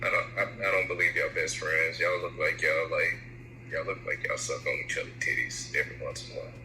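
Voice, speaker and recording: A man's voice: sits low, flat delivery, fast. A man on a video chat app, talking bluntly and teasing. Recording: noisy echoey video call audio.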